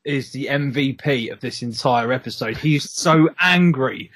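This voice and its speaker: A man's voice: medium pitch, unhurried, fairly bright tone, dry recording. A man chatting as a podcast co-host, joking about an episode. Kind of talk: casual chat.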